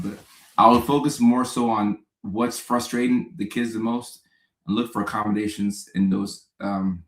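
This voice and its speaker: A man, hosting a casual live stream and answering viewer questions in a relaxed, chatty way with joking asides. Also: mid-range voice, roomy sound, poor audio.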